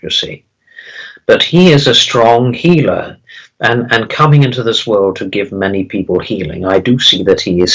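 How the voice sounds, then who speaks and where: A man speaking as a calm spirit guide in a seance medium's channeling session, teaching solemnly in halting, repeated phrases. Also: fairly low pitch, slightly rough, poor audio. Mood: solemn, assured. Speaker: trance channeler answering questions as a spirit guide.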